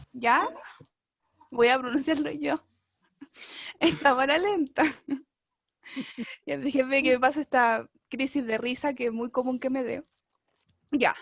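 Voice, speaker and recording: High-voiced woman teaching online. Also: fairly bright tone, no echo. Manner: encouraging, drills words slowly with frequent checks. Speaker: English teacher. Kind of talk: online language class. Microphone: video call.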